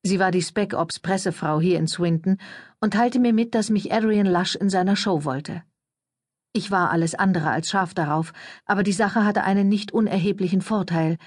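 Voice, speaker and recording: A woman reading a first-person audiobook in a calm, measured storytelling manner. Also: medium pitch, no room sound, studio quality. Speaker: audiobook narrator.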